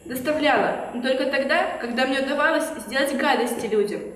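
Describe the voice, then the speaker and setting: Woman playing a spiteful high-voiced snow queen, echoey. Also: a little fast, lightly acted. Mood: irritated. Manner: haughty, theatrical scolding. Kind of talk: theatrical children's fairy-tale stage play. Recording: distant, very echoey hall, faint noise.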